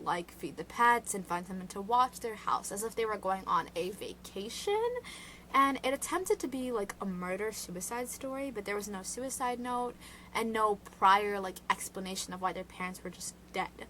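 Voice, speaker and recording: A woman's voice: medium pitch, fairly bright tone, a little hiss or hum, poor audio. A woman vlogger casually retelling true crime cases in a rambling way, full of "like" fillers and side chatter, recorded indoors. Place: indoor room.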